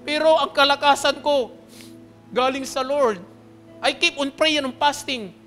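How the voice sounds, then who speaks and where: A man in the pulpit tells his own story, his voice pitched high and ringing bright. He keeps checking in with the congregation, sinking into hushed passages and then rising to loud, pleading ones. Faint music plays underneath. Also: a little slow. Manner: earnest, often checks in with the congregation. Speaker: pastor. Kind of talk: personal testimony sermon.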